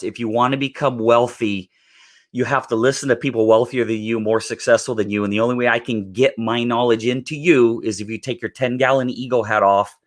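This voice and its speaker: Still hoarse after being sick, this middle-aged man speaks in a mid-range voice during an emphatic live session on real estate networking. He clears his throat often.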